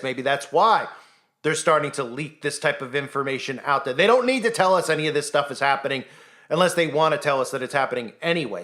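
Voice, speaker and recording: Hosting a commentary channel, this man pushes through a conspiracy monologue with insistent, rhetorical delivery and the odd imagined voice acted out. His pitch is a little high, his tone fairly bright.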